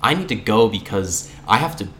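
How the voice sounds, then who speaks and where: A man's voice: fairly low pitch, expressive, fairly quick, pushed and bright, a little hiss or hum. A man hosting a podcast, telling a story in rambling casual chat, swearing freely, his throat sore from sinus trouble. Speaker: podcast host.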